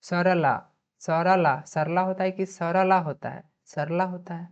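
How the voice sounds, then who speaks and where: A woman's voice: on the low side, fairly even intonation, a little slow. A woman with a Bihari Hindi accent teaching an online grammar lesson. She spells words out letter by letter and asks questions, then answers them herself. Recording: dull lo-fi sound.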